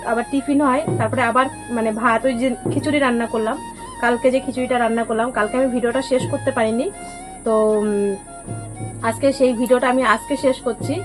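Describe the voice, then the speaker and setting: A woman, a mother and vlog host, chatting loudly and rapidly to her phone camera at home. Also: a little high. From India. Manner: loud, rapid, emphatic talker. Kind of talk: casual family chat to camera. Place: village home. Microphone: phone on a stand.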